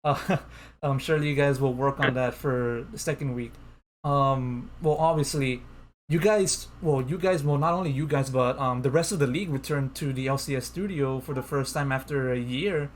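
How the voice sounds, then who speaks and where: A man interviewing an esports player, asking questions in a halting way, restarting and filling with ums. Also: medium pitch, slight background noise.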